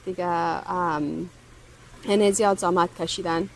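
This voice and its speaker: A woman in her thirties, an immigration lawyer born in Afghanistan and raised in the United States, answering questions in a measured, hesitant way. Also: lowish voice, fairly even intonation, a little hiss or hum, low-quality recording. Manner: measured, hesitant, many ums. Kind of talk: interview answers.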